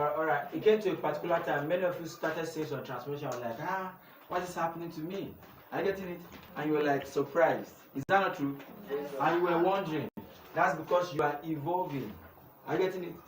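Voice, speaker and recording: A young man with a Nigerian English accent, teaching a youth class and often asking the room to finish his sentences. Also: fairly high pitch. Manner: call-and-response questioning. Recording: echoey room from far off, noisy.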